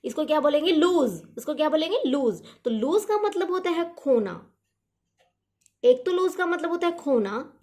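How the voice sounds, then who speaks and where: A woman with a high voice teaches a grammar lesson. She keeps asking a question and answering it herself, repeating each key word several times. When she spells words out she slows right down. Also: lively intonation, a little mellow. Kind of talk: explanatory lesson.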